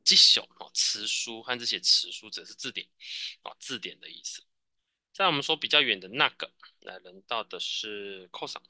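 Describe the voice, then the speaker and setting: A man whose mid-range voice swings widely in pitch, moves a little fast and sounds bright and forceful leads a Japanese class. With a Taiwanese Mandarin accent, he patiently drills students, repeats answers and often tags sentences with "哦". There's no echo.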